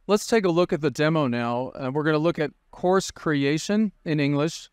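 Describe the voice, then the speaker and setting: Smooth-voiced male host. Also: a little high, normal speed, dry recording, studio quality. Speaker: host, session presenter. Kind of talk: presentation hand-off.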